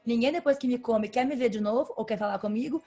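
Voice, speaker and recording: A woman's voice: a little high, quick pace, warm tone, soft background music. A woman talking frankly and emphatically in a casual group chat.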